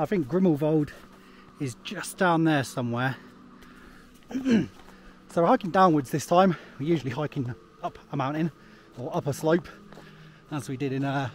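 A travel vlogger rambles and chats while hiking a snowy trail, holding the camera at arm's length outdoors. His voice is on the high side and a bit mellow, he laughs often and uses lots of fillers, and there's slight background noise.

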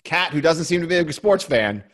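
A man's voice: a little high, animated, brisk, fairly bright tone. A man co-hosting a podcast from his home basement studio, chatting casually and rambling with restarts and chuckles. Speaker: podcast co-host. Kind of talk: casual chat.

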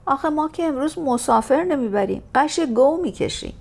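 A woman's voice: high-pitched, expressive, creaky, darkish tone, pitched above the performer's own voice. A woman doing a grumbling old coachman. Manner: complaining, pleading.

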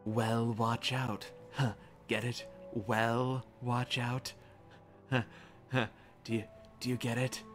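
A man's voice: medium pitch, level tone, slow pace, soft background music, natural voice. A man putting on a rambling old villager voice. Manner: drawling, rambling, pun-proud. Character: lonely talkative old male villager. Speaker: streamer reading game dialogue.

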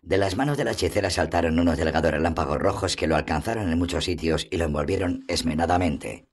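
A man narrates a fantasy novel aloud in an audiobook reading. His delivery is steady and measured, and his voice sits very low. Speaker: audiobook reader. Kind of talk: scripted narration.

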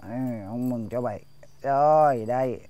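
An actor playing a grumpy, stingy old village chief who scolds and grunts, speaking. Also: male voice, medium pitch, moderate pace, mellow, lo-fi sound, lightly acted. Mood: gruff. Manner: bossy, scolding, full of grunts. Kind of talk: slapstick comedy film acting.

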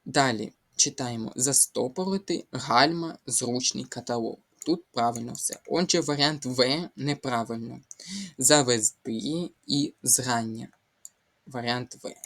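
A young man tutoring, walking through exam questions step by step and slowly spelling out individual sounds. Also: mid-range voice, creaky, a bit bright. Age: young adult. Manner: explains step by step, reading options aloud and slowly spelling out sounds. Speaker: Ukrainian language tutor. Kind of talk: exam walkthrough lesson.

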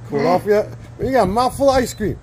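A man hosting a prank challenge, loudly teasing and laughing as he films his friends. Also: high voice, animated, brisk. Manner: laughing, egging people on. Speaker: host filming a challenge. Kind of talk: loud teasing commentary. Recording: noisy background.

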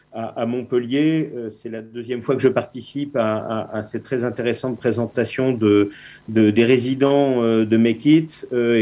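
Formal, halting man with a mellow voice. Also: mid-range voice. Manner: formal, halting, many repeated words. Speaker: network director. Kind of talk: formal address by video.

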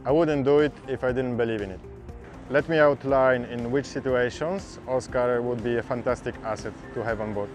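Man in his 30s, expedition sailor, steady plain talk, medium pitch, faint music behind. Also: moderate pace. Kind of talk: testimonial to camera.

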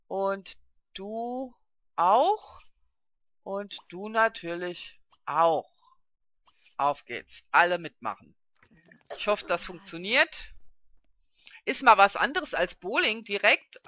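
Speaking through a headset, an adult woman, with a child present, runs a let's play, narrating her game and talking to the characters as she urges and grumbles at them. Her fairly low voice sounds pushed and bright, with no echo.

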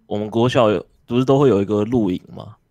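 A man's voice: lowish voice, fast, mellow, no echo. A man telling a story in a casual group chat, swearing casually as he goes.

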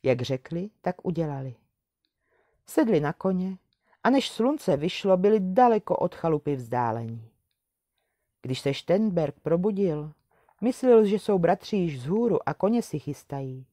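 A woman reading a classic fairy tale aloud in a calm, measured storytelling manner. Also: lowish voice, no room sound, studio quality.

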